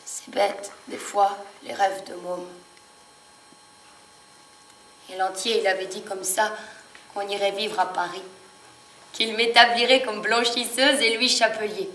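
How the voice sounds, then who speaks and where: Recorded at a distance in an echoey room with faint noise, a female performer delivers a dramatic French monologue, including sung passages, as a laundress who is wistful, fiery, and worn down. She speaks unhurriedly at a medium pitch with fairly even intonation, though her storytelling moves between hushes and shouts.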